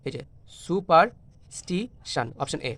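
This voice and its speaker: A man's voice: fairly high pitch, quick pace, a bit bright. A man with a Bengali accent teaching an exam-prep English lesson, spelling words letter by letter and mixing Bengali with English.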